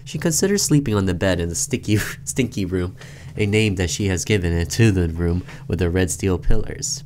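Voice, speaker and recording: This gaming video host has a low, slightly mellow voice, with a bit of hiss or hum in the recording. In a relaxed let's-play, he reads the game's text out loud and tosses in offhand reactions as he plays.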